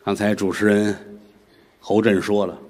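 A man's voice: lowish voice, flat delivery, a little slow, darkish tone. A male comedian telling a story solo and bantering with the audience on a live stage.

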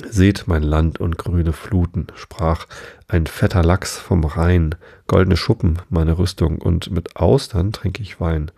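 A man's voice: sits low, fairly even intonation, slow, creaky, warm tone, slightly rough, no echo, studio quality, heavily acted. A man voicing a timid young girl who recites a poem hesitantly, in a quavering voice.

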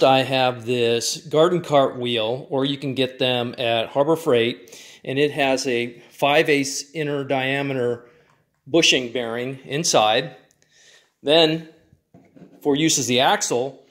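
A man hosting a DIY channel calmly walks through a step-by-step build tutorial, giving measurements along the way. He speaks slowly at a medium pitch in a plain, methodical manner.

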